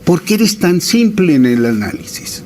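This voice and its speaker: A man's voice: high voice, sing-song, moderate pace, a little mellow. A man, a producer in a heated debate, firing off confrontational rhetorical questions. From Mexico.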